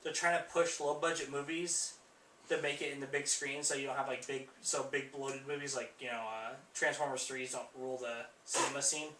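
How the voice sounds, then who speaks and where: A man's voice: mid-range voice, steady tone, fairly quick, recorded from a distance. A man hosting a casual film review chat, sounding tipsy as he rambles and loses track. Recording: roomy echo, off-mic, faint noise.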